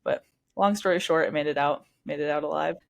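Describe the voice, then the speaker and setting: A young woman in her twenties speaks in a low, gravelly voice as a podcast guest. Slightly stuffed up from allergies, she shares a lengthy personal story in a casual, chatty style. She moves quickly, peppering her talk with "like" and restarting often.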